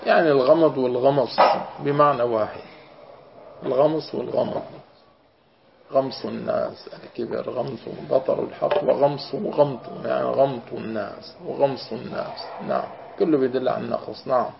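A man's voice: mid-range voice, steady tone, normal speed, vocal fry, a little hiss or hum. A man with a Levantine accent, a sheikh explaining Quran commentary in a chatty, digressive way with everyday anecdotes. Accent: Levantine Arabic. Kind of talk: informal lesson explanation. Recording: dull lo-fi lecture recording.

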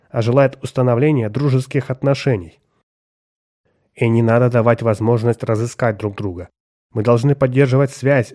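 A man reading an audiobook, voicing a stern human starship captain who speaks loudly and forcefully. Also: mid-range voice, no echo, clean studio sound, natural voice. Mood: insistent. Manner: forceful, commanding.

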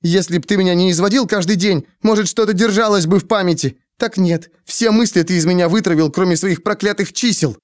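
A man's voice: high-pitched, lively intonation, fairly quick, darkish tone, no echo, clean studio sound, pitched above the performer's own voice. A man voicing a determined young woman who keeps pressing with questions. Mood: furious. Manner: insistent questioning.

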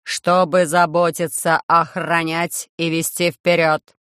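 Storybook robot overlord, loud, harsh and metallic, very slow, clear dry delivery, as a reader puts it on. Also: medium pitch, flat delivery, no room sound. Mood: cold commanding. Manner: slow, loud, measured commands. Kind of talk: audiobook reading.

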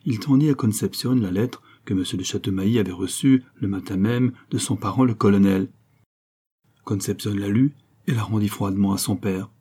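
Low, husky-voiced male audiobook narrator. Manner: measured, expressive storytelling. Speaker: audiobook reader.

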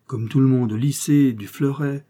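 A naive, easily flustered businessman, as a man reads him aloud who keeps protesting in a worried, pleading way. His voice is mellow and husky. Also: mid-range voice, fairly even intonation, normal speed, lightly acted. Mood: panicked. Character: naive, flustered middle-aged male sugar maker. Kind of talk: audiobook character reading.

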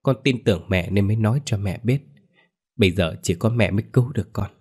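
A man voicing a cold, manipulative young man who coaxes his mother in a soft voice. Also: lowish voice, fast, breathy edge. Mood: coaxing. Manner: soft-spoken, coaxing.

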